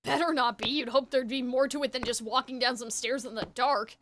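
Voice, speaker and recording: A woman's voice: high-pitched, steady tone, fairly quick, a bit bright, a little hiss or hum, pitched below the performer's own voice. A woman voicing a grumpy, skeptical teenage beastman in a game, speaking dryly and curtly.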